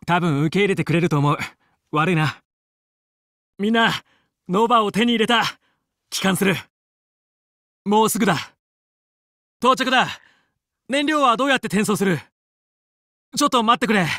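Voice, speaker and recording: A man playing a young, confident fox space pilot and team leader in a video game, brisk, determined and commanding yet friendly. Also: sits high, lively intonation, sharp tone, no room sound, clean studio sound. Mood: friendly, earnest. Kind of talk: Japanese video game voice acting.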